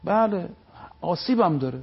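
Male religious speaker, fairly high husky voice, preachy storytelling, lo-fi TV sound. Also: animated. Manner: preaching, storytelling, slow stressed recitation of sayings. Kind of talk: religious talk on live TV.

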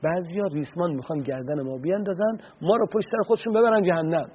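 A man's voice: a little high, breathy edge. A man giving an earnest religious talk on the radio, retelling stories and explaining Arabic sayings. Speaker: religious speaker. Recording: tinny phone-like radio sound.

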